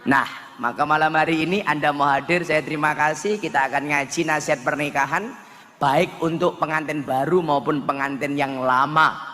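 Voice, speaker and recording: A male preacher giving a humorous wedding sermon, animated and joking, at a large gathering. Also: a little high, normal speed, a little hiss or hum. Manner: joking, animated, slips into Javanese dialect and sung verses. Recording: echoey hall with faint ambience.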